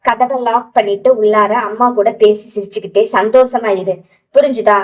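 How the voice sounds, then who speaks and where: A tender but gruff young man from a romance audiobook, who scolds and teases with pet names, as a woman narrator voices him. The voice stays fairly high and is heard from a little way off the mic. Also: fairly even intonation, normal speed, recorded from a distance, lightly acted, poor audio. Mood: soothing. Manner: teasing, scolding endearments.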